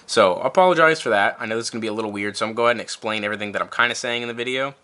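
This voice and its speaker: A man's voice: on the low side, rapid-fire, pushed and bright, clear, resonant tone. A man hosting a tabletop wargaming channel, chatting casually and informally to his viewers. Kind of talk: casual vlog talk to camera.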